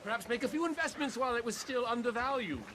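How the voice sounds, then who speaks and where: Against clear background noise, an actress voices a genteel city lady stranded in the Old West, from New York City. Her high voice swings animatedly as she chatters in a haughty, theatrical way, in video game period drama style. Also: expressive, fast, lightly acted. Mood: chatty.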